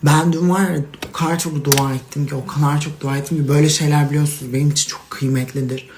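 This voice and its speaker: A woman's voice: low voice, steady tone, fast, noisy background. A woman talking to her followers in casual phone story clips, dramatic and gushing, calling them princesses and girls. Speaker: social media personality.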